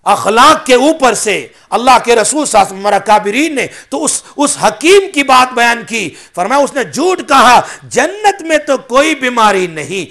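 A man's voice: very high-pitched, sing-song, hardly any pauses, bright, forceful tone. A man giving a religious sermon, mixing in English phrases and asking his listeners questions. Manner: asks the audience questions. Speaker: preacher.

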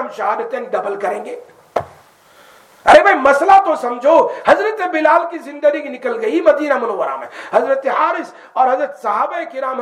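High-voiced man preaching in an echoey room. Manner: animated, rhetorical questions, occasional raised voice. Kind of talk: sermon.

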